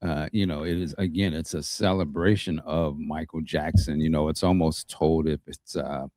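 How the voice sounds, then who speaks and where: A man's voice: extremely low pitch, fairly even intonation, moderate pace, warm tone, no room sound, clean studio sound. A man on an online music talk panel, talking in a laid-back, rambling way with easy laughs. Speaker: co-host panelist. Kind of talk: casual podcast chat.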